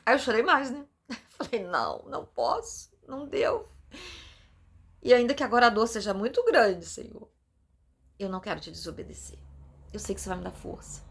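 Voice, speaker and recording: Brazilian woman pastor, fairly high voice, intimate and tearful testimony with chatty asides. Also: expressive, moderate pace, vocal fry, long pauses, breathy edge. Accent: Brazilian Portuguese. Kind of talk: personal testimony sermon.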